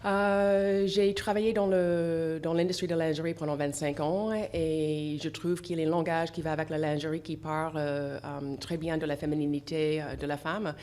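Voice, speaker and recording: A low-voiced woman with an English accent, from an English-speaking country, is interviewed on the radio in a studio as a guest and association founder. She speaks haltingly with many fillers and restarts, her intonation fairly even and her tone darkish.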